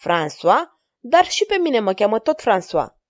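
Woman voicing a flirtatious courtly king. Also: fairly high pitch. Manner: courtly, flattering. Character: gallant amorous male king, courtly and flirtatious.

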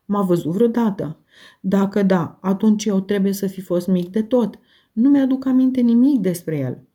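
Woman voicing a timid sickly boy, frightened, mellow dark tone, audiobook. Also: medium pitch, natural voice. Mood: wondering.

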